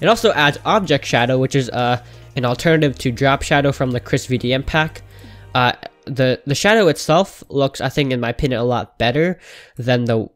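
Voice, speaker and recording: Guy doing a casual computer tutorial, nasal voice like his nose is pinched, music in there. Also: medium pitch. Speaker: software tutorial host. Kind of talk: casual screen-recorded tutorial narration.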